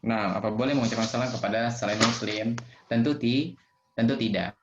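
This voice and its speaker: A man teaching children in an online Q&A lesson, gentle and patient, with playful examples. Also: mid-range voice, brisk, noisy background. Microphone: video call. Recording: roomy, dull video-call audio.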